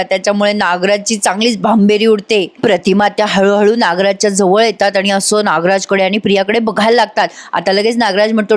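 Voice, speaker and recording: A woman giving a chatty voice-over recap of a TV serial episode, talking straight to viewers and adding her own opinions. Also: medium pitch. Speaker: TV serial reviewer.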